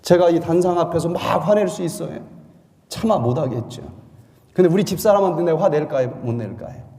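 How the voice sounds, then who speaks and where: A man preaching a sermon in a lively, animated way, at times dropping to a hushed aside. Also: fairly high pitch, a little fast, long reverb tail. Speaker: pastor.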